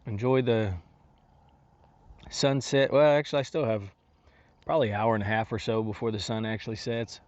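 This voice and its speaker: A relaxed man chatting to his camera outdoors at a lakeside campsite, meandering through his thoughts with plenty of ums and restarts. His voice sits in a middling register, and the outdoor camera audio sounds a little dull. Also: mid-range voice, moderate pace, long pauses, no room sound. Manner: relaxed, rambling, many fillers and restarts. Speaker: outdoor vlogger. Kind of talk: casual camping vlog narration.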